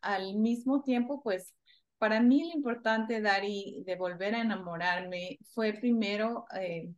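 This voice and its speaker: A woman from Ecuador in her forties, a guest in a casual chat, talking thoughtfully with pauses and fillers. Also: medium pitch, highs cut off.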